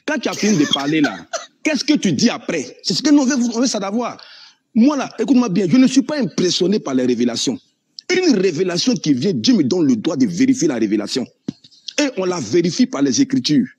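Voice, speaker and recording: A man's voice: sits high, sing-song, fairly quick, darkish tone, breathy edge. Combative man. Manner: combative, mocking, preaching. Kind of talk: heated online debate. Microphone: video call.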